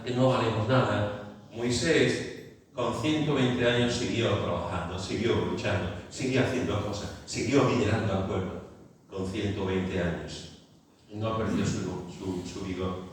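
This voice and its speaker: A man preaching a sermon in an Andalusian Spanish accent, animated, asking rhetorical questions and repeating phrases for emphasis. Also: mid-range voice, a little hiss or hum. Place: large church hall. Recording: echoey hall, mic at a distance.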